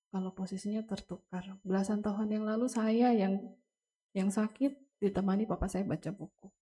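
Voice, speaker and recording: A young woman stands before a congregation at a memorial service and gives a personal testimony. Her voice is husky and mellow, her delivery earnest and halting, and she speaks directly to her listeners. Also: mid-range voice. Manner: earnest, halting, addresses listeners as Bapak Ibu. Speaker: family member giving a testimony at a memorial service. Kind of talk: emotional spoken testimony to a congregation.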